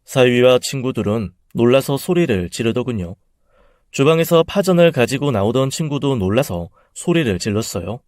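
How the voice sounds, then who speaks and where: A man narrating a dramatic first-person family story in a calm, lowered voice. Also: normal speed, dry recording, clean studio sound.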